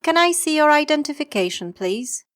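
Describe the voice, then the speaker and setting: A woman's voice: high-pitched, sing-song, normal speed, fairly bright tone, no room sound, clean studio sound. A woman playing an exam examiner, asking scripted questions politely and formally.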